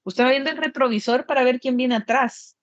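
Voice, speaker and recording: A woman's voice: high-pitched, fairly quick, no echo. Plain-spoken woman lecturer, dull recording. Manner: plain-spoken, repeats points with everyday examples. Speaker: architecture lecturer. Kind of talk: lecture to students.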